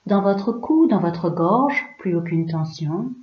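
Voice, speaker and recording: A woman yoga teacher leads a guided relaxation, speaking in a hushed, soothing, unhurried way with pauses between short phrases. Her voice is fairly low and expressive, and the recording is roomy and slightly dull.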